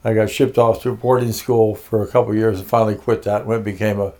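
A man's voice: on the low side, level tone, quick pace, darkish tone. Older man rambling through his life story. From Connecticut. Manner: rambling, many fillers and restarts. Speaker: interview guest, music producer. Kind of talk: casual interview, life story.

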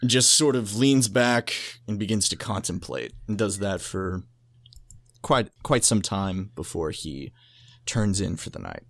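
A man's voice: lowish voice, animated, unhurried, gravelly, a bit bright, no echo. A man playing a tabletop role-playing game, describing his character's actions as improvised storytelling.

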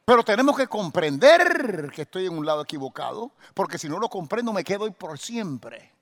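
High-voiced preacher in an echoing hall. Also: male voice, lively intonation, a little fast. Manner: swings from quiet teaching to loud shouted exhortation; asks the congregation rhetorical questions. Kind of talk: sermon. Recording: long hall reverb.

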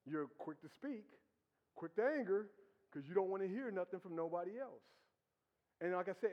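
High-voiced pastor preaching in a reverberant hall. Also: male voice. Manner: conversational, teasing preaching with laughs and rhetorical questions. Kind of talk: sermon. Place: church hall. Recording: dull sound with long hall reverb.

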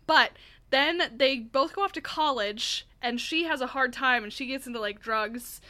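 A woman's voice: high voice, normal speed, bright, forceful tone. A woman co-hosting a casual podcast, retelling a video with lots of giggling, still getting over a cough. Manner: giggly, retells stories animatedly. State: lingering cough. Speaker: podcast co-host. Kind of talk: casual chat.

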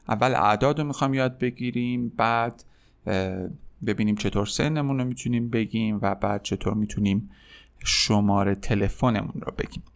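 A man hosting a language lesson podcast, drawing out model words slowly and calling his learners "kids" in a friendly way. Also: fairly low pitch, gravelly. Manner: slow, drawn-out model words for repeating. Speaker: podcast host and French teacher.

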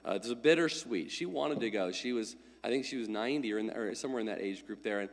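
Still stuffed up from a lingering cold, a male pastor speaks quickly in a lowish voice, delivering a warm, conversational sermon and announcements through a pulpit microphone. His words carry a long reverb through the church sanctuary.

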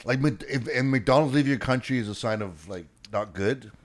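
A man co-hosting a podcast in casual chat, musing and thinking out loud in halting starts. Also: mid-range voice. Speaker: podcast co-host.

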